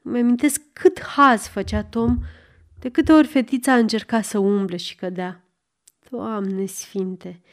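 A woman's voice: fairly high pitch, steady tone, close to an everyday voice. A woman narrator voicing a proud, grieving old servant woman in a storybook reading, lightly voiced. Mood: wistful.

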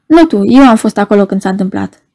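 During a storybook reading, a woman gives voice to a young poet, agitated and male, who suddenly shouts out excited protests. She sounds high-pitched, and the recording is dry.

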